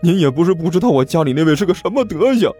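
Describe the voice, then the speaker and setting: A man voicing a whiny younger sworn brother who begs, high and fast, in a husky voice with soft music behind. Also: wildly swooping pitch. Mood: pleading. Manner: high, fast, wheedling and begging.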